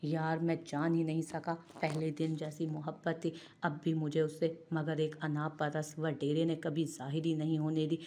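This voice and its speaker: A woman's voice: low-pitched, monotone, normal speed, hardly any pauses, warm tone, lightly acted. A woman doing a sobbing remorseful husband. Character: grieving husband, proud landowner, remorseful.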